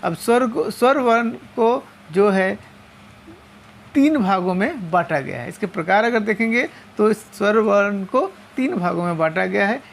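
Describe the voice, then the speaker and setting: A woman teaching a lesson, explaining step by step and slowly spelling out each sound. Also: medium pitch, lively intonation, gravelly, slight background noise. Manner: slow and methodical, repeating and spelling out sounds.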